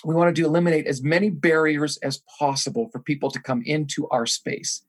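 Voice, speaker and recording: A man with a fairly high, steady voice speaks at a fairly quick clip. He's a pastor who grew up in Thailand, appearing as a podcast guest and answering questions about his calling in an earnest, reflective way, restarting a few times.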